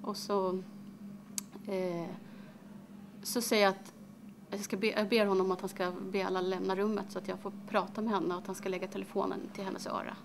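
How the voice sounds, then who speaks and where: Brief: a woman playing a grieving middle-aged mother in a dramatic monologue, creaky and halting, over a noisy hiss. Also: medium pitch, little pitch movement, lightly acted. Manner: halting, hesitant, many pauses and fillers. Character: grieving mother, middle-aged, recalling her daughter's death. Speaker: actress performing a monologue.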